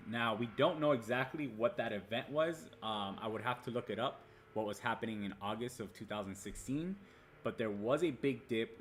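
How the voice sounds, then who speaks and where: A medium-pitched man from the United States, whose first language was Spanish, hosts a livestream of casual crypto market commentary. He talks viewers through the markets with lots of fillers and restarts, and there's slight background noise.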